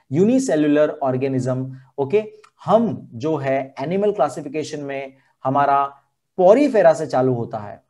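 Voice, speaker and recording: A man with an Indian accent teaching a board exam science lesson, slowly repeating key terms and their spellings. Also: fairly high pitch, a little mellow.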